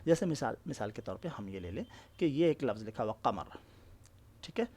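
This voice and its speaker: A man teaching an exam-prep lesson, explaining slowly, spelling out letters one by one and often checking that his listeners follow. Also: mid-range voice, big pitch swings, a little mellow, husky.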